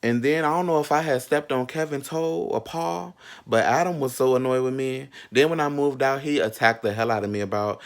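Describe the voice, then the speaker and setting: In a brisk, clear, resonant mid-range voice, a man in his thirties recounts a personal story. His storytime chat is casual and animated, candid and slangy, sassy, with frequent asides.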